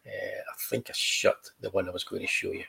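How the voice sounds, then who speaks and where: A man's voice: sits low, flat delivery, brisk, vocal fry, bright, forceful tone, slight background noise, rough recording. A man, a comic book creator talking casually and showing his artwork, chatty with dry humor.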